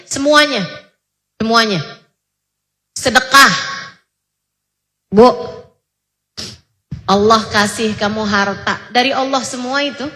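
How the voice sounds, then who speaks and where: A woman in her forties from Indonesia, preaching a sermon with animated storytelling and direct address to her listeners. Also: medium pitch. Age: 40s. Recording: echoey hall.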